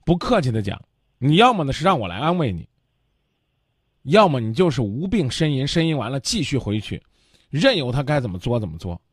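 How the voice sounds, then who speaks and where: A man's voice: mid-range voice, big pitch swings, fairly quick, slightly rough, no room sound, clean studio sound. Blunt lecturing male radio host. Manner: blunt, lecturing, cuts the caller off. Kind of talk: call-in radio advice.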